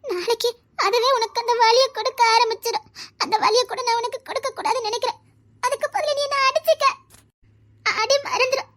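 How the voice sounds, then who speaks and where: A woman's voice: extremely high pitch, a bit bright. A woman with a Tirunelveli Tamil accent playing a stubborn, devoted young woman in a comedy skit, pleading and teasing. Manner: tearful pleading turning to playful teasing. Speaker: lead character in a comedy skit. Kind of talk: melodramatic skit acting.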